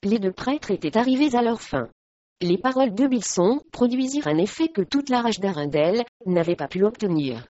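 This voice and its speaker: A woman narrating an audiobook in an even, measured reading voice. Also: mid-range voice, no echo. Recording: dry, slightly muffled recording.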